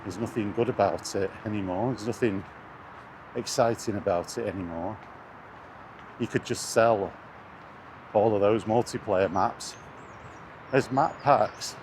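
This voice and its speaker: A British man with a lowish, darkish voice speaks a little slowly, pausing often. As a gaming vlogger walking near traffic, he rants bluntly and scornfully with plenty of swearing. Outdoor street and vehicle noise runs under his voice.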